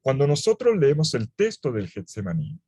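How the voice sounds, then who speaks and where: Warm, husky priest lecturing. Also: male voice, medium pitch, wildly swooping pitch, moderate pace. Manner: playful teacher with ironic asides. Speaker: priest teaching a Bible course. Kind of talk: lively Bible lecture.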